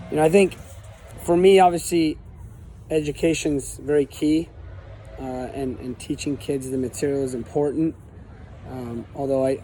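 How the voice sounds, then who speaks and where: Earnest young man from Argentina, warm low-key delivery, hesitant, faint hiss behind. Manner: earnest, hesitant with many fillers. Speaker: aspiring teacher. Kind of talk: casual self-introduction.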